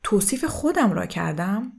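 A woman's voice: sing-song, gravelly, a little mellow. A woman reading aloud and voicing a distraught, confused woman in her thirties who talks in an anxious, pleading way. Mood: agitated. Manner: pleading, agitated, raised pitch.

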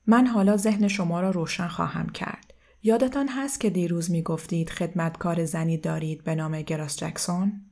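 A woman reading aloud and voicing a calm middle-aged male doctor who speaks in a measured, gently insistent way. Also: on the low side, creaky.

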